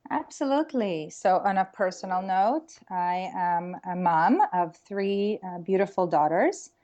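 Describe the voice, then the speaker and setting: A middle-aged woman from Israel speaks in a slightly low voice. She talks thoughtfully as an interview guest, often pausing with ums and restarting her sentences. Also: highs cut off. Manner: warm, reflective, with frequent ums and restarts. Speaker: career coach, guest. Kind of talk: casual interview talk.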